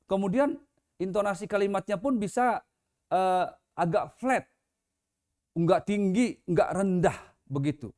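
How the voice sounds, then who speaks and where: Pastor preaching a Sunday sermon in church, conversational, man with a high voice. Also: a little slow, pauses often, a little mellow. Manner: conversational, with casual example voices.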